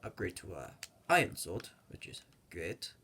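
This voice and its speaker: A man's voice: deep voice, big pitch swings, unhurried, bright, forceful tone, slightly rough. A man giving casual, rambling commentary over his own gameplay, joking and correcting himself as he goes. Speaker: gaming video creator. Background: keyboard and mouse clicks.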